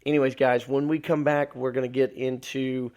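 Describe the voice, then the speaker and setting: A man's voice: mid-range voice, flat delivery, moderate pace, a little mellow. A man from Alabama, hosting a solo live podcast, losing his voice and rambling with many filler words. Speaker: podcast host.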